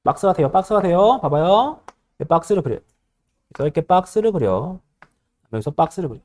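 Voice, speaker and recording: A young male math teacher lectures his class with a bossy, teasing edge, prodding students for answers. His voice sits a little high and swings widely in pitch. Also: big pitch swings, fast, darkish tone. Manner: bossy, teasing, constantly checking understanding.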